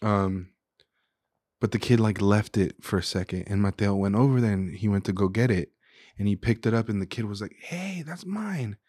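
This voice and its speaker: A young man with a low voice talks in a casual, sentimental way, often circling back with "like" and "you know". The sound is close and dry, with almost no room echo. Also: steady tone, fairly quick, a little mellow. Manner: sentimental, talks openly about his feelings. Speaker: podcast guest, chef and restaurant owner. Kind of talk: casual conversation. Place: living room in a home.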